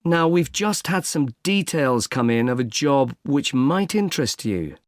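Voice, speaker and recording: A patient recruitment agent. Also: male voice, mid-range voice, sing-song, no echo, studio quality. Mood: calm. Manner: measured, spells words out slowly. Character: helpful male recruitment agent, patient and polite. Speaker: employment agency consultant. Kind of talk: scripted exam dialogue.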